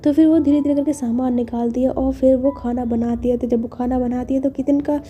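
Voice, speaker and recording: A woman's voice: high voice, steady tone, a little fast, dark tone, dull audio. A woman telling a romance story in a chatty, casual way, full of fillers.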